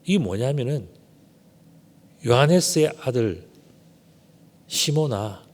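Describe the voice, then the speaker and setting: A man's voice: mid-range voice, expressive, slow pace, a little mellow. A man preaching a sermon as pastor, asking rhetorical questions and swelling dramatically on key words. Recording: long church hall reverb.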